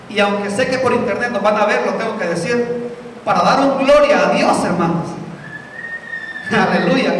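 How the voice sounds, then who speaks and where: High-voiced pastor preaching in echoey church. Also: male voice, fairly bright tone, slight background noise. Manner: preaching with rhetorical questions and acted-out dialogues. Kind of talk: sermon. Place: church hall. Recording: echoey hall, mic from a distance.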